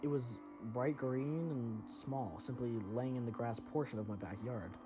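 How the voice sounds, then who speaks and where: A man's voice: medium pitch, measured pace, over music. A man narrating a first-person horror story in a tense, dramatic way.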